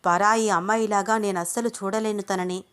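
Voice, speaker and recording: A woman's voice: medium pitch, steady tone, fairly quick, a bit bright, clear, resonant tone, natural voice. A woman voicing a worried young man in love, speaking earnestly in a told story.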